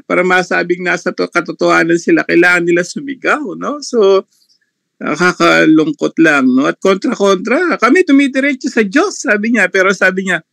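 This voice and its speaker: A man's voice: high voice, normal speed, vocal fry, pushed and bright, no room sound. A man commenting on a religious debate on an online live panel, mocking and laughing often between remarks.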